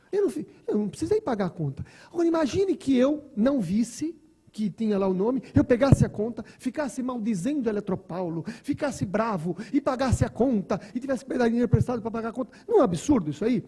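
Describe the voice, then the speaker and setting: Brazilian doctor guy giving a talk, warm kinda breathy voice, tells stories, repeats himself a lot. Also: very high voice. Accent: Brazilian Portuguese. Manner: storytelling, conversational with asides and repeated words. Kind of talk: spiritist lecture.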